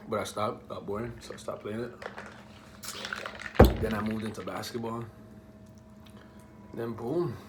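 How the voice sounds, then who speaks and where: A little hiss or hum sits under this lowish male voice. He's a young Bahamian guy casually answering viewers' questions in a vlog, joking around and using lots of streetwise slang.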